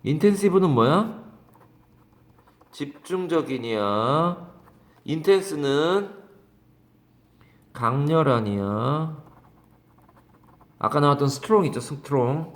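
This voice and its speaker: In an echoey room, a middle-aged man teaching English for exam prep reads phrases slowly before breaking them down, frequently questioning and poking fun at his students. He speaks with a fairly high pitch and lively intonation.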